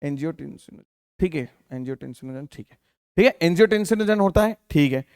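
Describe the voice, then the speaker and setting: A man's voice: on the high side, lively intonation, brisk, a little mellow, clear, resonant tone, no echo. Man teaching biology in a dry, close recording. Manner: asks students questions and answers them himself, repeats terms; calls listeners beta, many fillers like theek hai. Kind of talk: Hindi exam-prep lecture.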